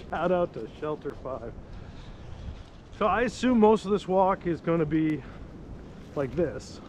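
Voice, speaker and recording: A man's voice: a little high, expressive, slow pace, long pauses. A man chatting casually and joking while hiking a wooded trail, recorded outdoors on a camera he carries. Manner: joking, laughs often. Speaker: hiking vlogger. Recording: wind noise on the mic.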